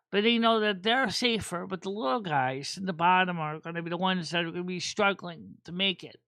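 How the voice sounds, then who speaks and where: A man with a high-pitched, slightly bright voice hosts a casual chat stream about tarot cards. He talks in a rambling, halting way, with lots of fillers and restarts. The recording is dry.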